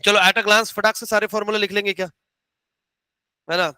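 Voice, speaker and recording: A man gives a classroom economics lecture in a high, very bright, crisp voice. He teases his students playfully and stretches out key terms as they write. The sound is dry and close. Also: flat delivery, normal speed, dry recording. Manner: teasing, calls students beta, drags out key terms. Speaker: economics teacher.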